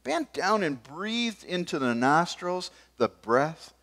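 An older man preaching a sermon from a church pulpit, gesturing as he moves between forceful emphasis and sudden quiet asides. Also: a little high, big pitch swings, slow. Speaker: pastor. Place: church stage behind a wooden pulpit.

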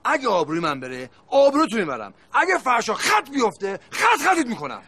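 A man's voice: very high-pitched, huge pitch swings, heavy background noise, full character voice. A man playing an irate customer who demands his carpets back, in a sitcom scene. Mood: indignant. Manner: indignant, demanding, shouting. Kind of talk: TV sitcom acting.

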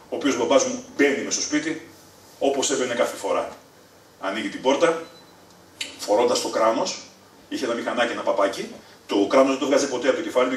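A middle-aged man from Thessaloniki, Greece, telling funny family stories live on stage, animated and leaping to a high excited pitch at punchlines. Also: far from the mic, a little hiss or hum. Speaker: stand-up storyteller. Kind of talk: live stand-up storytelling. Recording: echoey room, voice from afar.

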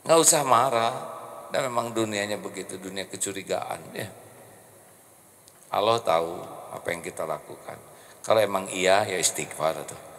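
A middle-aged man with a Sundanese accent giving a joking, animated sermon on a handheld mic in an indoor hall. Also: normal speed, long pauses. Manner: animated, joking, big pitch jumps. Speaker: preacher. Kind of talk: humorous sermon. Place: indoor hall with carved wooden panels. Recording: long reverb of a hall.

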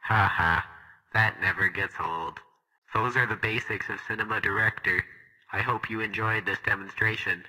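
A man's voice: on the low side, fairly even intonation, moderate pace, bright, forceful tone, low-quality recording. A man voicing a boastful, cheerful male robot guide with a robotic voice effect, in a grandiose announcer style. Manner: grandiose, self-praising announcer delivery. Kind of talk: scripted demo narration.

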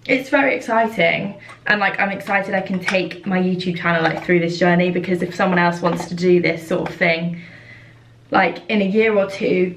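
A woman, chatting casually at home while doing her makeup, with lots of fillers. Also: on the low side. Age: 20s. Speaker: vlogger. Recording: roomy sound from a distant mic.

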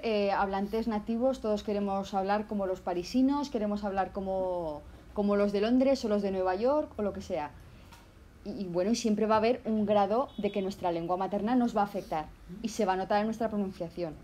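A language teacher from Spain with a Zaragoza accent gives a casual video lesson in a warm, mid-range voice. She's chatty, uses many fillers and restarts, and acts out examples.

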